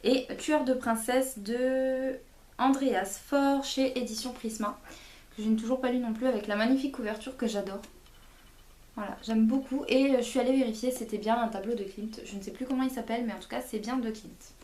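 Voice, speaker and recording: A woman's voice: a little high, fairly even intonation, fairly quick, a little mellow, echoey room. A woman chatting casually about books she bought, with many fillers and self-corrections. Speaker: book vlogger. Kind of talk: casual book haul chat.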